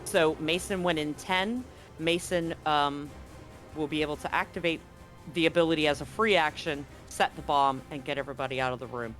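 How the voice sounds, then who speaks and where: A game master runs a live tabletop game, explaining the action and rules casually and conversationally. The voice is mid-range and fairly bright at a normal speed, with background music playing behind it.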